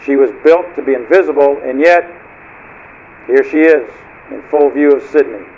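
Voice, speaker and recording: An actor playing a cold, menacing male rogue submarine commander who speaks in a measured, declamatory way over marine radio. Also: mid-range voice, dull audio, a little hiss or hum.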